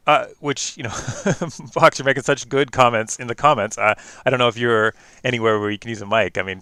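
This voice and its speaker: Low gravelly Canadian man commentating. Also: bright, forceful tone, dry recording. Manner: quick, chatty, many fillers and restarts. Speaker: game commentator. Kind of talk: solo live-stream commentary.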